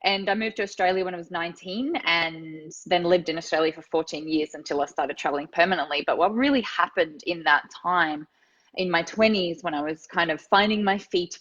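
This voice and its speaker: Over a remote call with dull lo-fi audio, a Finnish woman in her thirties tells her life story as a podcast guest. Her voice is on the low side and a bit bright, and she speaks earnestly, often repeating words as she thinks.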